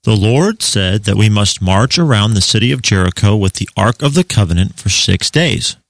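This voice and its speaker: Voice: low-pitched, lively intonation, moderate pace, no echo. A performer playing the patient biblical leader Joshua in a comedy radio sketch, explaining things earnestly.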